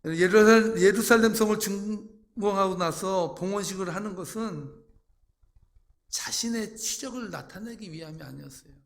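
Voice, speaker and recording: A man preaching a sermon as pastor, acting out quoted voices with sudden loud outbursts. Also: sits high, gravelly.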